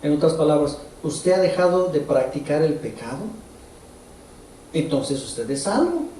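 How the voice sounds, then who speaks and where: A man preaches in a large church hall, his voice heavily echoing and picked up from a distance. His tone is mellow and a touch high, and he talks to the congregation conversationally, asking them questions directly. A faint room hum sits underneath. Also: animated, measured pace. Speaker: pastor. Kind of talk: sermon. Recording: roomy echo from far off.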